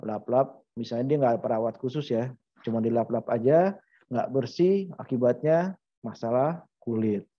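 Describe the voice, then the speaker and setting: A middle-aged man gives an informal medical lecture, working through examples and posing rhetorical questions in a conversational way with anecdotes. His medium-pitched voice moves at a normal speed, and the lo-fi audio is slightly dull.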